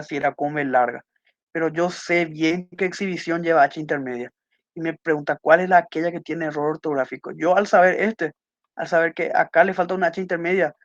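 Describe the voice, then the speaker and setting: A man with a voice on the high side teaches a class, patiently going over test answers and repeating key points with little checking questions. The audio is dry, muffled, and lo-fi.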